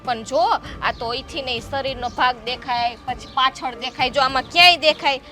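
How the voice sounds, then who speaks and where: A woman's voice: sits high, steady tone, normal speed, sharp tone, soft background music. A woman playing a young, talkative daughter-in-law from the city who pleads and defends herself. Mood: pleading. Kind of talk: family drama acting.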